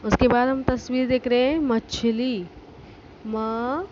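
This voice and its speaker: Woman teacher, slightly high voice, very slow and patient, spells words out for small children; dull lo-fi recording with faint hiss. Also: fairly even intonation, darkish tone. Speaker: school teacher. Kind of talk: recorded class lesson.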